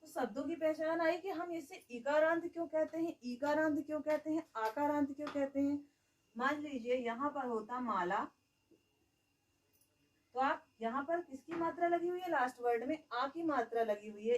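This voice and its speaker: A woman's voice: high-pitched, normal speed, distant mic, slight background noise, low-quality recording. A woman teaching a grammar lesson. She keeps asking the class questions and answering them herself, and she says "okay" often.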